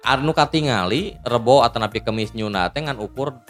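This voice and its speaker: Man, Sundanese accent, podcast guest, patient explainer, chuckles, mid-pitched voice. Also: brisk, soft background music. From Garut, West Java. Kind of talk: casual podcast chat.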